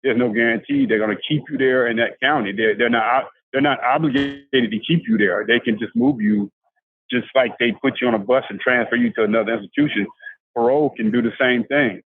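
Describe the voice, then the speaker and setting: An older man from South Carolina, a guest talking about life after prison in a halting, casual way with many restarts. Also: mid-range voice, dry recording. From South Carolina, USA. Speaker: formerly incarcerated guest. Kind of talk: casual conversational interview. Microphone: handheld phone on a video call. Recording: dry, tinny phone-like video call audio.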